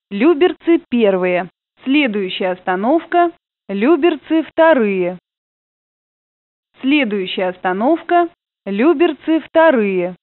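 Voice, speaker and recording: A woman announcing train stops over the train intercom in a formal, measured manner. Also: a little high, dry recording. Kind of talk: recorded stop announcements. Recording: tinny, narrow intercom loudspeaker sound.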